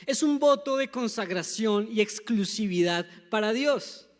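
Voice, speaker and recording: High-voiced young Colombian preacher in a reverberant church. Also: male voice, animated, measured pace. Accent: Colombian, Bogotá. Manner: emphatic, calls the congregation to repeat after him. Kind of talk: sermon. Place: church sanctuary. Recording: long church hall reverb.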